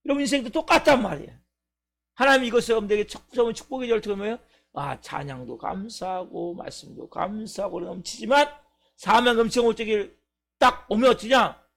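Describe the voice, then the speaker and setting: A man's voice: high-pitched, very animated, a little fast, creaky, a bit bright. A male pastor preaching at a church service, emphatic, asking the congregation questions and answering them himself. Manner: acts out a crying baby's complaints. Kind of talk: sermon.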